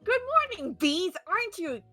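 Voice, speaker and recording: A jittery, awkward young woman frets about her first day at culinary school, voiced by a woman reading the game aloud. The voice sits high and swings widely, bright and excitable. She rambles nervously from one worry to the next. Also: moderate pace, faint music behind. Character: anxious, adorably awkward young woman classmate. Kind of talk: reading a dating-sim character aloud.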